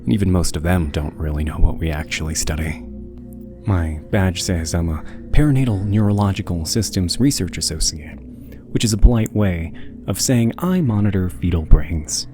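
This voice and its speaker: A man narrating a scripted scary story in the first person, in a low, haunting, hushed voice. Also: normal speed. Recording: music behind the voice. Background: music.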